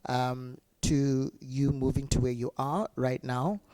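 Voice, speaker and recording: A man's voice: mid-range voice, fairly even intonation, takes it slowly, darkish tone. A man moderates a panel discussion in an ordinary mid-range voice. He asks long, loosely built questions padded with fillers as he hands over to each speaker.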